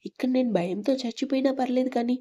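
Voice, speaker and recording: A woman's voice: high-pitched, quick pace, dark tone. A woman voicing a quarrelsome young woman. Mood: angry. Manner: quarrelsome, accusing. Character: hot-tempered young woman, scared and sulking.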